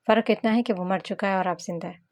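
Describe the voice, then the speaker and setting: A woman voicing a patient, devoted young man who speaks gently and earnestly in a romance novel reading. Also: medium pitch, fairly even intonation, fast talker, lightly acted. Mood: tender.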